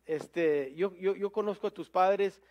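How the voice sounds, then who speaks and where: A man voicing a kindly shoemaker in a spoken story, talking gently and reassuringly with small hesitations. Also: high voice, highs cut off. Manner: gentle, reassuring, halting with fillers. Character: kindly middle-aged male shoemaker, generous.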